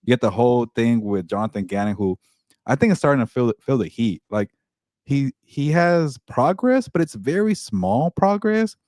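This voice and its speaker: A man's voice: mid-range voice, expressive, darkish tone, no echo, studio quality. A man co-hosting a sports podcast, giving blunt, opinionated takes in casual talk. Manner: blunt, opinionated, fast-talking. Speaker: podcast co-host.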